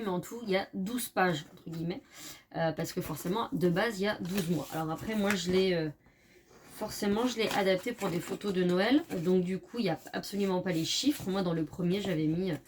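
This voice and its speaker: A woman chatting casually through a craft tutorial, often correcting herself and filling pauses as she works. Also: on the low side, slight background noise. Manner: chatty, self-correcting, many fillers. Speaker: scrapbooking crafter.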